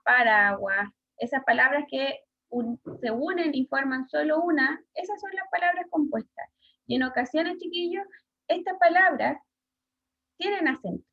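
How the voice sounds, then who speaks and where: A woman's voice: high voice, creaky. A woman with a Chilean Spanish accent teaching an online class, hesitant with many fillers and questions to pupils. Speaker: schoolteacher. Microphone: video call. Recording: dull lo-fi video call audio.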